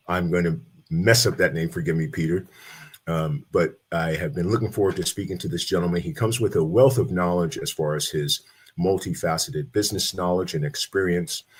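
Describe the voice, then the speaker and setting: A man's voice: sits low, breathy edge. A man hosting a podcast interview, greeting his guest and the audience with enthusiastic welcomes. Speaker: podcast host.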